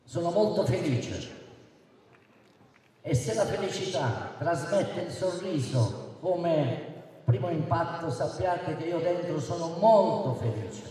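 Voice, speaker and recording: A man giving a booming, declamatory political rally speech as a mayoral candidate through a public-address system in an outdoor square. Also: animated, takes it slowly, dark tone. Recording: echoey distant PA with crowd, faint noise.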